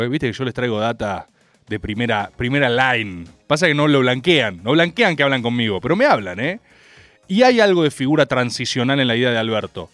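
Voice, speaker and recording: A young Argentine man with a Rioplatense Spanish accent hosts a comic political monologue, rambling, ironic, and laughing at his own jokes. His medium-pitched voice is a bit bright, and the recording is dry.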